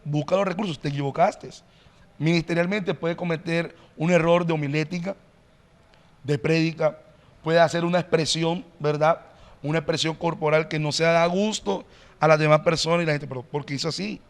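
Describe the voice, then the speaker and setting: A male pastor explaining in an earnest, teacherly way as a podcast guest, often pausing on "eh". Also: on the high side, fairly even intonation, long reverb tail. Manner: earnest, teacherly, frequent "eh" fillers. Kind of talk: podcast interview, preaching-like explanation.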